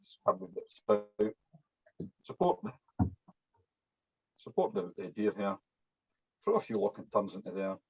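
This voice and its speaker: A man's voice: fairly low pitch, big pitch swings, unhurried, long pauses, a little mellow, breathy edge. A man with a strong, broad Scottish accent, giving an informal hands-on demonstration as an instructor, chatty and often tagging his sentences with "yeah". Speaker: fly-tying instructor. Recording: dull, muffled lo-fi audio.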